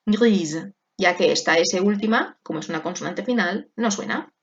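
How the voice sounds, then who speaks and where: A woman teaching a class, explaining pronunciation slowly and repeating each word carefully. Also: mid-range voice, lo-fi sound. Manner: slow, deliberate, repeats words for pronunciation. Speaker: French teacher.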